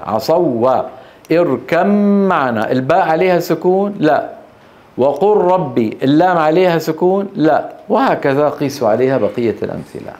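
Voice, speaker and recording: A middle-aged man, teaching a classroom lesson on Quran recitation rules, explaining step by step and quizzing his students with quick questions. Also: a little high, darkish tone. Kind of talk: classroom lecture on tajweed.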